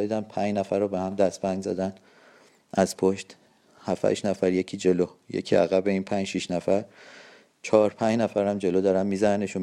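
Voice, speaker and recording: A man's voice: low-pitched, dark tone. A man giving a personal eyewitness account, telling it vividly with tense quoted dialogue.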